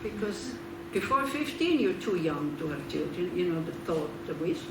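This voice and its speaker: A Swiss Buddhist nun gives an informal teaching talk in a fairly low, sing-song voice at normal speed. She keeps it chatty, laughing in asides and asking rhetorical questions. The sound is roomy and distant, with background noise.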